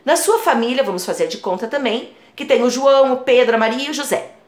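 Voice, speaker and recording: A woman's voice: fairly high pitch, fast. A woman math teacher explaining a lesson patiently, using everyday comparisons. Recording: echoey room.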